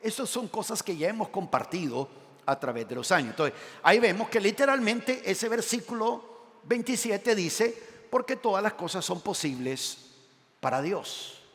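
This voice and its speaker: Male pastor, slightly high voice, long hall reverb; animated preaching that swings from loud emphasis to quiet asides, quizzing the congregation. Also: normal speed. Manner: asks the congregation questions and reads scripture aloud. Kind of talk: sermon. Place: church sanctuary.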